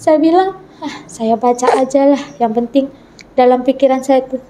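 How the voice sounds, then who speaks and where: A woman's voice: high-pitched, normal speed, warm tone, low-quality recording. A woman earnestly telling her personal conversion story in an interview, acting out the dialogue she recalls.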